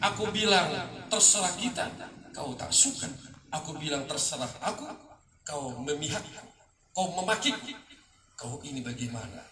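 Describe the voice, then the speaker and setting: A man's voice: a little high, animated, normal speed. A man reciting a poem at a live reading, delivering the lines with passion that swells and drops. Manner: impassioned, rising and falling with the lines. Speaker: poetry reader. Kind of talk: dramatic poetry recitation. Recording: echoey room, distant mic, noisy.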